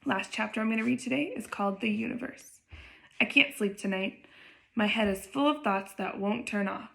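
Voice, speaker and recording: A woman reads a novel aloud like a teacher, stepping out now and then for chatty reminders. Her voice sits mid-pitch with a noticeable gravelly fry. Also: normal speed. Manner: conversational, chatty asides. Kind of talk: reading a novel aloud with casual asides.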